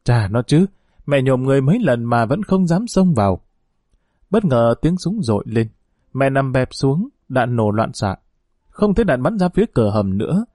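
Mellow-voiced male audiobook narrator. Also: medium pitch, no room sound, clean studio sound. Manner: steady storytelling.

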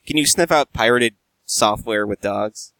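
Low, gravelly man, wry and blunt. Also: measured pace, fairly bright tone, no room sound. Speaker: podcast co-host. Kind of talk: casual chat.

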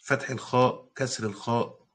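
A man with an Egyptian Arabic accent gives a classroom lesson on Quran commentary. He reads passages aloud, then explains them in everyday speech, often pausing and restarting as he thinks. His voice sits at a middle pitch. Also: steady tone, a bit bright.

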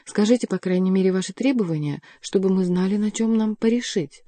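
A woman's voice: mid-range voice, fairly quick, warm tone, no room sound, lightly acted. A woman reading the part of a scheming aging queen mother who pleads in a honeyed, imploring tone. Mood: pleading.

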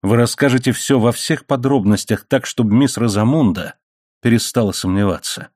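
A man reading an audiobook, voicing a sardonic man who speaks in quiet, mocking tones. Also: medium pitch, moderate pace, dry recording, studio quality, lightly acted. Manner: quietly mocking, grimly sarcastic. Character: sardonic cold-hearted man taking revenge.

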